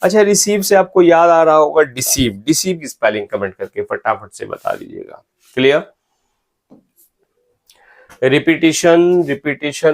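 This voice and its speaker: A man teaching English spelling, slowly spelling out words letter by letter and checking in with his students. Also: medium pitch. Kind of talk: spelling lecture in Hindi mixed with English.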